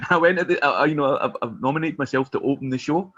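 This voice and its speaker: Male stand-up comic, husky mid-pitched voice, casual rambling chat, self-deprecating, slightly dull lo-fi recording. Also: moderate pace, fairly bright tone. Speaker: stand-up comedian.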